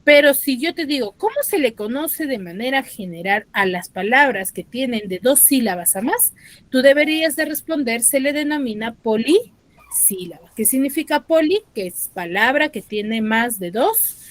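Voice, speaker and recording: Patient Peruvian teacher, higher voice. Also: female voice, lively intonation, no echo. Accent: Peruvian Spanish. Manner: patient, checks understanding with tag questions, slows on key terms. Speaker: school teacher. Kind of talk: online class lesson. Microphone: dry close mic, online class.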